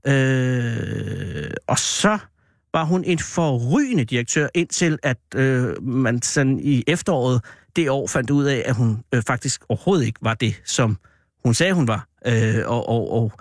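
A man hosting a show, telling a personal story in an animated, drawn-out way that turns hesitant, with many fillers. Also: medium pitch, no echo, studio quality. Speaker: radio host.

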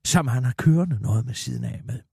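A man playing a gossipy middle-aged woman in a radio comedy sketch, spilling a scandal in breathless bursts and sudden hushed asides. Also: medium pitch, animated, creaky, slight background noise. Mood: gossiping. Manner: breathless gossiping, dropping to a hush.

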